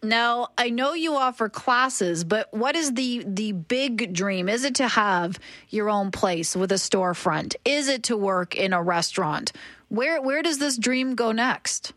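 In a radio interview, a host with a fairly high woman's voice puts animated, leading questions to her guest at an unhurried pace. Her sound is close and dry, with no room echo.

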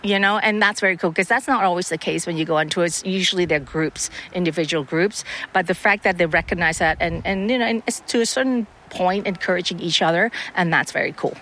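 Halting, bright-voiced woman tennis coach. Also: on the low side. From Hong Kong. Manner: halting, many restarts and fillers. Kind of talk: radio interview answers.

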